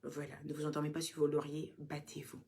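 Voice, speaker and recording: Softly spoken woman answering fans. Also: monotone, brisk, gravelly. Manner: reads names out loud and bright, answers low and soft. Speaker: host answering viewer questions. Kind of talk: casual live chat.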